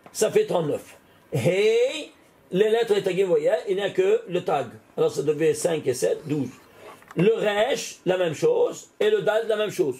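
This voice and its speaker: A man, a rabbi, giving an animated Torah lesson, often exclaiming and putting questions straight to the listener. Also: high-pitched. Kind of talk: lively spoken Torah lesson.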